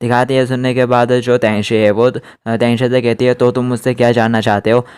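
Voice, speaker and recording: Male recap narrator, quick even delivery, clean and smooth tone. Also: medium pitch. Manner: fast, even storytelling with repeated stock phrases. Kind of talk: Hindi anime recap narration with quoted dialogue.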